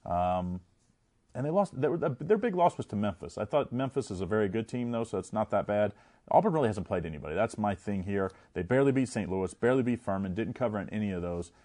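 A man's voice: fairly low pitch, lively intonation, fast talker, mellow. A man analyzing a game and giving his betting pick in loose, self-correcting talk. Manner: conversational, hedging, self-correcting. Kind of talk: casual sports betting talk.

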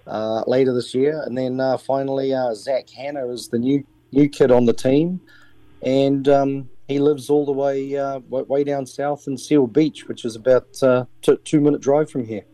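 In a poor-quality, dry recording, a middle-aged sailing skipper from New Zealand gives an on-air interview, his answers full of ums and restarts. He has a New Zealand accent and a mellow, medium-pitched voice, speaking in a steady tone at a moderate pace.

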